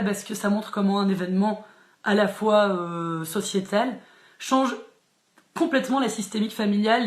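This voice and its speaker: Chatty woman in an echoey room. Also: mid-range voice. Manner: chatty, frequent fillers and restarts, laughs easily. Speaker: librarian hosting a live book chat. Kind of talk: casual live-stream book talk. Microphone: phone or laptop live stream.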